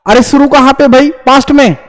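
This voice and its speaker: A young man teaching English grammar in Hindi, lecturing to students and firing quick questions he answers himself. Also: extremely high pitch. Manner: lively, repeats checks like "understood?". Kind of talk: classroom lecture.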